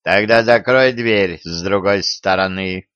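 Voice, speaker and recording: A man voicing a huge wolf with a slow, mocking drawl in an audiobook. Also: low-pitched, a bit bright, clear, resonant tone, no echo, muffled recording.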